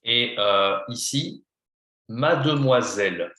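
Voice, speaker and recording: A man's voice: medium pitch, takes it slowly, pushed and bright, roomy sound. A man teaching a beginner French lesson, patient, spelling words out letter by letter and slipping into English to explain. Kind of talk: one-on-one beginner lesson, slow and repetitive.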